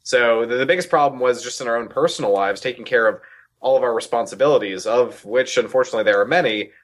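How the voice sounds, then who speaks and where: A man's voice: mid-range voice, fast. Man rambling casually as a guest. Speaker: interview guest, political activist.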